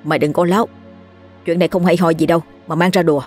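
Woman voicing a curt, stern father, lowish voice, storybook. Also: fairly even intonation, fast talker, a little mellow, slightly rough, faint music behind. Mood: scolding. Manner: curt and scolding. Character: stern, short-tempered father.

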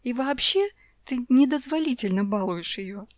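A woman voicing an exasperated, sharp-tongued young mother in a storybook reading. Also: a little high, expressive, moderate pace, no echo, studio quality, voice pushed up, lightly acted. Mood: indignant. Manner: indignant, raised voice.

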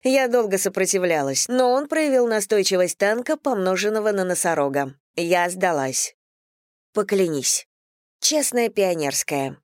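A woman's voice: medium pitch, measured pace, no echo, studio quality, lightly acted. A woman doing a giddy young bride-to-be. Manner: bubbly, playful, excited.

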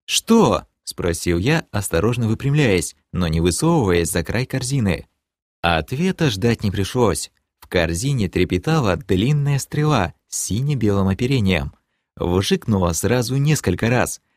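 Guy reading a fantasy audiobook, lowish voice, super animated, dry close sound. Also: normal speed, dry recording. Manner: lively, dramatic, bursts into shouted dialogue. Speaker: audiobook reader. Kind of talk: scripted first-person fantasy narration.

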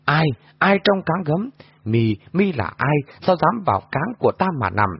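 A man voicing a fierce, imperious woman martial sorceress who shouts commands in a shrill voice. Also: sing-song, fairly quick, slightly rough, dry recording. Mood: furious. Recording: dull lo-fi audio.

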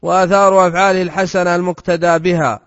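A man with a high voice reads a classical text aloud in steady, formal recitation. His voice sounds close and dry, yet the dull recording carries a long reverb tail. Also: fast talker. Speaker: student reading the text aloud.

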